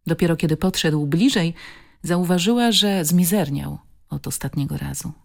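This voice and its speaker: A woman narrating an audiobook in a calm, measured, expressive reading style. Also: fairly low pitch, vocal fry. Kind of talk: scripted narration.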